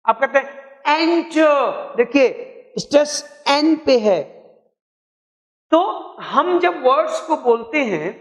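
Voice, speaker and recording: High-voiced teacher spelling words slowly. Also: male voice, animated, fairly bright tone, in a large hall. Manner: spells words letter by letter, asks and answers his own questions. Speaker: English teacher. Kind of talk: classroom grammar lesson.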